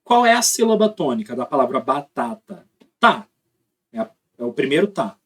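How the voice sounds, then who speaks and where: A man's voice: medium pitch, big pitch swings, normal speed, breathy edge. A young man teaching a recorded class. He explains step by step and keeps checking that students follow him.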